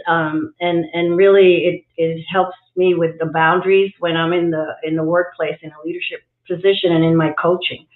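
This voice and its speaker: A woman raised in Cuba and New York City, a guest executive coach speaking thoughtfully on a livestream interview, with many fillers and restarts. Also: lowish voice. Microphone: video call. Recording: echoey, phone-like video call audio.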